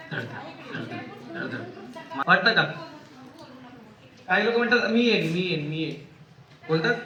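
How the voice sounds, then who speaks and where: A man's voice: sits high, bright, forceful tone, muffled recording. A man with a Marathi accent, a child psychiatrist, teaching young schoolchildren and asking them many questions. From India. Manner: asks many questions, acts out children's voices. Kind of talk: classroom talk with children. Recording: echoey classroom, children's chatter.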